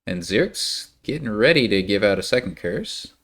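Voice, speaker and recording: A man giving casual live commentary on a card game, animated and quick to jump into high-pitched reactions.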